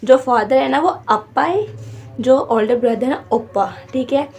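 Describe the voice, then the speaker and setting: A woman teaching a beginner vocabulary lesson, repeating each word slowly and spelling it out syllable by syllable. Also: sits high, a little mellow. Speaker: language teacher.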